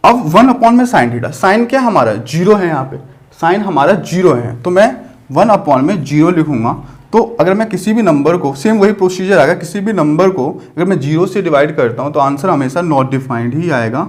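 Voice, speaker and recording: A man's voice: on the high side, lively intonation, normal speed. A man teaching a math lesson, walking through each step patiently and asking the class rhetorical questions as he goes.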